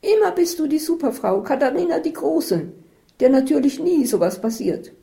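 A woman voicing a whiny, complaining woman on holiday, shrill and self-pitying. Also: moderate pace, mellow, lightly acted. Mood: shrill upset.

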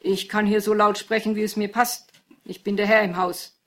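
Lady reader doing loud bossy dad, gruff, scolding, storybook. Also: medium pitch, normal speed, lightly acted. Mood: shouting. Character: gruff, domineering heavyset father.

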